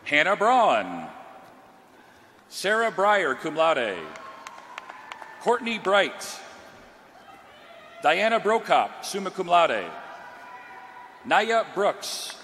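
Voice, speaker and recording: A man reading out graduates' names one by one at a commencement ceremony, slow and drawn out, through a podium microphone. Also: high voice, very animated, fairly bright tone. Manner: slow, drawn-out announcing of each name. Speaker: commencement name reader. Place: large graduation ceremony hall. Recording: long hall reverb, crowd noise.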